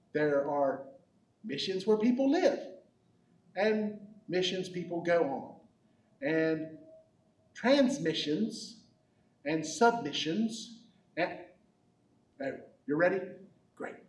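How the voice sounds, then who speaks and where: A man playing a goofy, bumbling croc-hunting adventurer for a kids' comedy skit, rambling with deadpan jokes. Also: on the high side. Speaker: children's ministry skit character. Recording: echoey hall from far off.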